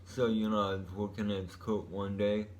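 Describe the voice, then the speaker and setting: Low-voiced man, laid-back rambling stoner drawl. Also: little pitch movement, moderate pace, a little mellow. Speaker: vlogger. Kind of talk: rambling casual monologue.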